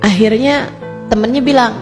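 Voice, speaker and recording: A woman's voice: a little high, moderate pace. A woman preacher, telling a story as a sermon in an earnest, emphatic way. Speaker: preacher (ustazah). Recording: long reverb hall, faint music.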